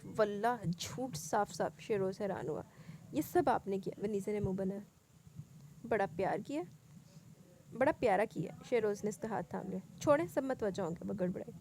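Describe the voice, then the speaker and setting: A woman reads a novel aloud in a slightly high voice. She brightens noticeably whenever the characters speak and slips in playful asides of her own between the lines. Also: slight background noise. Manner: lively, raises pitch and volume for dialogue, adds her own asides. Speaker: novel reader.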